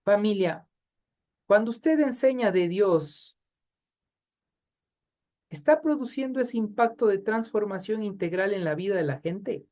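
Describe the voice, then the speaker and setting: A man's voice: high voice, lively intonation, measured pace, long pauses, a little mellow. A man teaching a Bible study class in a conversational way, asking his students questions and addressing them by name.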